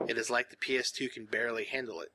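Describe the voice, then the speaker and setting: A man's voice: mid-range voice, fairly even intonation, quick pace, bright, forceful tone, slight background noise. A man co-hosting a casual podcast, rambling in long sentences with many fillers and self-corrections. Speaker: podcast co-host. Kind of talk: casual chat.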